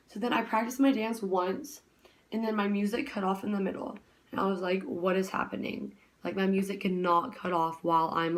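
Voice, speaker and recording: A young woman vlogging in a relaxed, chatty way. She rattles through her story at high speed and fills it with "like" and restarts. Her voice sits at an ordinary middle pitch. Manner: talks very fast, rambling with many "like" fillers. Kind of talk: casual chat.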